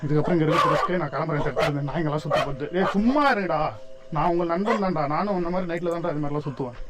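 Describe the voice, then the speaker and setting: A man's voice: on the high side, fairly even intonation, very fast, background noise. A man vlogging outdoors at night, talking tensely to his viewers. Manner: tense, addresses viewers as guys. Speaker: ghost-hunting vlogger. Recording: lo-fi, slightly distant, loud music behind.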